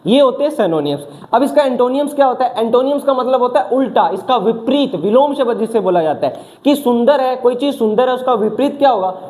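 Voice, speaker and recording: A male teacher leading a vocabulary class, asking quick questions and answering them himself, with English words mixed in. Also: extremely high pitch, lively intonation, darkish tone, a little hiss or hum. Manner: mixes English words into his talk.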